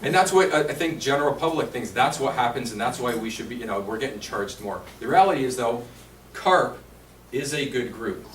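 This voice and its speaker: Man, mid-pitch, easy seminar presenter who quizzes the room; distant, roomy recording. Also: lively intonation, brisk. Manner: chatty, quizzes the audience. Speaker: insurance presenter. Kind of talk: conversational seminar talk. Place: meeting room at a seniors' residence. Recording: roomy, distant, faint hiss.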